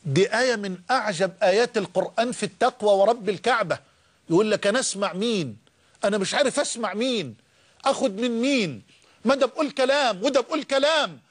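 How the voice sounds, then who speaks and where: Egyptian preacher guy, high voice, gets fired up repeating himself, slows way down for verses. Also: animated. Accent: Egyptian Arabic. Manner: impassioned, rising emphatic repetitions; slow drawn-out recitation of scripture. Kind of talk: sermon.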